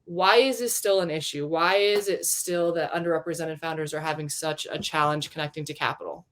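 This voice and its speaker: A woman's voice: sits low, fairly even intonation, a little fast, fairly bright tone, slight background noise. A woman hosting an interview show, upbeat and full of praise for her guest, talking over a video call. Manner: enthusiastic, effusive with praise. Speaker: host.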